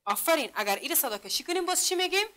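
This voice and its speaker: A woman with an Afghan Dari accent teaching a literacy class in a high, bright voice. She stretches each letter and syllable slowly as she sounds it out. She keeps asking the class questions and praises their answers. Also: lively intonation. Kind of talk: classroom lesson.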